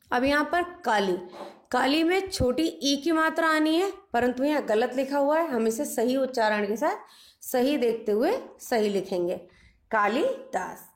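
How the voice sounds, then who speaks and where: A woman teacher leading a spelling lesson, reading each word out twice and explaining the corrections, with English phrases mixed into her talk. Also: a little high. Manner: repeats each word twice, slow and deliberate.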